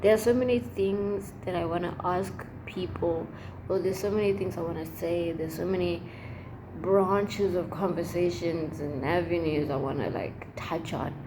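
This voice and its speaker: A young adult woman chatting casually as a vlogger, rambling and expressive, with emphatic, slangy phrasing. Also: on the low side, normal speed. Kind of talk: casual chat to camera. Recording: noticeable background noise.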